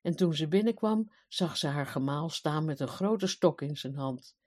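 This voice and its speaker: A woman reading a fairy tale aloud in a calm, even storytelling manner. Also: sits low, moderate pace.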